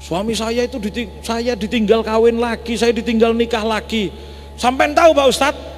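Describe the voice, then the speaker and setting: A man's voice: very high-pitched, normal speed, a little hiss or hum. A man with an East Javanese accent voicing an indignant young veiled wife who pleads and complains insistently, in an echoey mosque hall. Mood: aggrieved.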